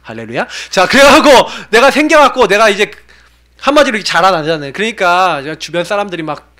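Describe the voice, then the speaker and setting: A man in his forties, a pastor preaching a sermon with animated urging and low, confiding asides. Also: fast talker.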